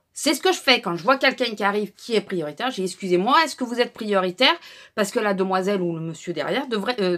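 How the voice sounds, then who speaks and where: A woman's voice: medium pitch, a bit bright. Woman vlogger, chatty and indignant, everyday casual delivery. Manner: chatty, indignant storytelling with many fillers. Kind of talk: casual haul vlog.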